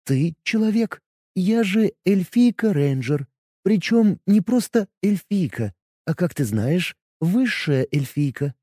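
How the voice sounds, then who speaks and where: A man voicing a proud, scornful young high-elf woman rogue in an audiobook, silky and condescending. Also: very animated, slow, warm tone, no echo, studio quality, exaggerated voice. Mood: velvety. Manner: silky, condescending, turns sharply imperious.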